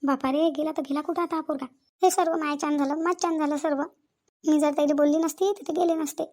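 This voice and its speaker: A very high, thin voice belongs to a frantic young village bride in a cartoon, with a woman putting her on. She pleads and repeats herself, guilty and close to tears. The pitch sits far above an ordinary speaking voice. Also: fairly even intonation, fast talker, darkish tone, close to an everyday voice. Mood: worried. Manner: pleading, repetitive wailing. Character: anxious young village daughter-in-law, tearful, guilty. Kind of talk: cartoon voice acting.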